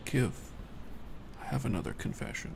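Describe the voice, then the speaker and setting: A man in soft-spoken ASMR chat, talking in a relaxed, rambling way and answering viewers from his desk. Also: moderate pace, background noise. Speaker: ASMR streamer.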